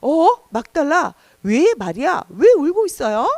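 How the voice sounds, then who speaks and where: A woman voicing a gentle questioning angel. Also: sits high, big pitch swings, measured pace, dry recording, full character voice.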